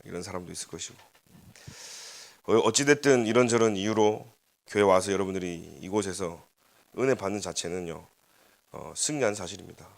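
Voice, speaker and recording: A man preaching a sermon as pastor, animated, with rhetorical questions and quoted inner voices. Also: low voice, vocal fry. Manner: leads congregation in unison scripture reading, slowed.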